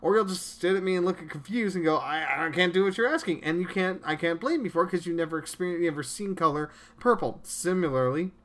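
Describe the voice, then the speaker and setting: Man, podcast host, earnest preachy monologue, stammering restarts, slightly high voice. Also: lively intonation, quick pace, hardly any pauses, a bit bright.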